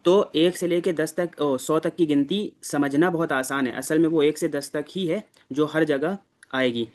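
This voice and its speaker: A man's voice: on the high side, fairly even intonation, darkish tone. A man, teaching a class and explaining step by step with patience. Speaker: Arabic teacher. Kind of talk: classroom lesson.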